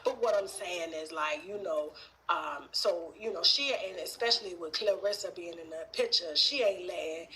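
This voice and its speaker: A woman from the Southern US hosting a casual gossip livestream, sassy and animated, with laughing asides. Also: fairly low pitch, moderate pace, rough recording. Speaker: gossip show host.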